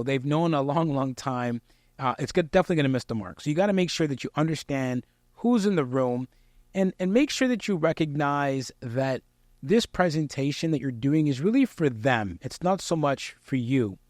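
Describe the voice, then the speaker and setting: A man giving instructional tips straight to the listener in a clear, projected presenter's delivery, conversational yet emphatic and encouraging. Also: mid-range voice, darkish tone, no room sound, studio quality. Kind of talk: conversational instructional talk to camera.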